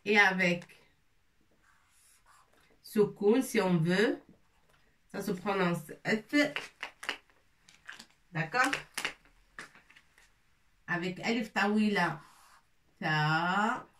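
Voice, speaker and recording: A woman teaching Arabic letters and words, slowly spelling them out and repeating each word. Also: medium pitch, fairly bright tone, recorded from a distance, a little hiss or hum. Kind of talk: whiteboard lesson.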